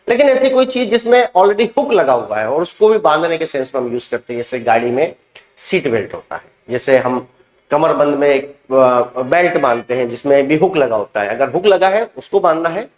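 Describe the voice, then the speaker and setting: A man teaching English to Hindi speakers, who reads out each verb with its meaning and repeats every past form twice in a slow drill. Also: medium pitch, roomy sound. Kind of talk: spoken vocabulary drill.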